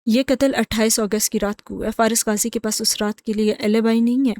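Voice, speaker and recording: A woman's voice: on the high side, fairly even intonation, a little mellow, no room sound, close to an everyday voice. A woman reading the lines of a scheming young man gloating over his revenge. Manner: gloating, self-satisfied.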